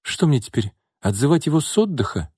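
A man's voice: mid-range voice, very animated, brisk, dark tone, breathy edge, no room sound, clean studio sound, voice pushed up. A man reading an audiobook voices a tired young woman who runs a construction firm, anxious and pleading. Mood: worried.

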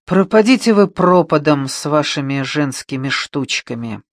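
A man playing a bitter, short-tempered man who shouts in anger. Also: on the high side, animated, unhurried, no echo, studio quality. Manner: loud, shouting, gruff.

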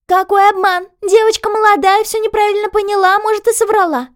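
A woman's voice: very high voice, steady tone, brisk, pitched above the performer's own voice. A woman voicing a scheming, two-faced middle-aged landlady who shrieks and then turns sugary.

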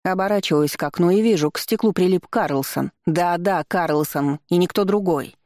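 An audiobook narrator reads a comic story in a lively, wry way, at a middle pitch. The sound is close and completely dry, with no room around the voice. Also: moderate pace, dry recording. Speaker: audiobook reader.

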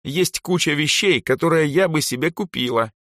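Brash young girl, loud and high, read by a male narrator; audiobook figure. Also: normal speed, dry recording, clean studio sound, natural voice. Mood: teasing. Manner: loud, exclaiming, high-pitched.

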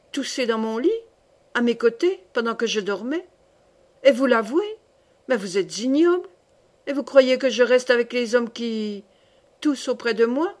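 Casting: woman reading a fiery young society lady for an audiobook, outraged and theatrical, fairly high voice. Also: natural voice.

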